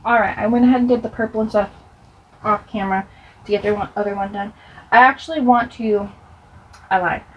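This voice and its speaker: A woman's voice: mid-range voice, fairly even intonation, fairly quick, long pauses. A young woman vlogger telling a dramatic story while doing her makeup, breaking off for chatty product asides. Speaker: beauty vlogger. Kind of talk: get-ready-with-me storytime. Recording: slightly dull, faint noise.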